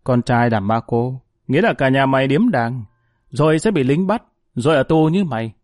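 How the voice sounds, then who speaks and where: A man's voice: medium pitch, lively intonation, moderate pace, a little mellow, no echo, studio quality, lightly acted. A man playing a mocking old convict. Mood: taunting. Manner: gloating, taunting. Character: mocking old male convict, cruel teaser.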